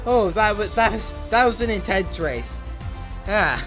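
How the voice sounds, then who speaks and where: A man's voice: sits high, expressive, a little slow, a bit bright, rough recording. A young man gives breathless, urgent play-by-play of his own racing game as a gaming YouTuber. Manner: breathless, urgent, narrating each move as it happens. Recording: game music playing clearly behind the voice. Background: game music under the voice.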